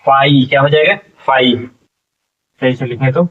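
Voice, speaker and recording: In a dull, lo-fi recording where he seems slightly far from the mic, a husky man leads an English phonics lesson at medium pitch with a steady tone. He splits words into letters and sounds, spelling them slowly and repeatedly asking "what will it be?"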